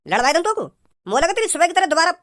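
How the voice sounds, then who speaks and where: A woman's voice: extremely high pitch, sing-song, very fast, a bit bright, no room sound, heavily acted. A woman voicing an impatient cartoon father who gives his son orders. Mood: stern. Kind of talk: cartoon comedy voice acting.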